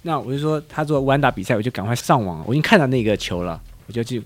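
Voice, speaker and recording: A man in his forties with a Taiwanese Mandarin accent hosts a casual show-and-tell. He talks fast, and his pitch swoops up and down like an eager teacher quizzing a student. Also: lively intonation. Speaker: host.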